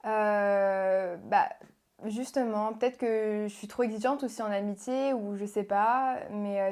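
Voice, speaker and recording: Soft hesitant young woman, warm dark tone, lots of ums, answering questions. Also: medium pitch. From Portugal. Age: young adult. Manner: hesitant, many fillers, soft-spoken. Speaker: guest, beauty pageant contestant. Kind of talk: interview answers.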